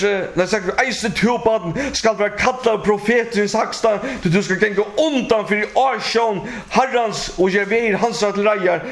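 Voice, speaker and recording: A man with a high voice preaches a sermon in an echoey hall. He reads scripture aloud, stops often to hesitate, and draws call-and-response from his listeners. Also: creaky, fairly bright tone. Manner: preaching with call-and-response, halting with many fillers. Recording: echoey room.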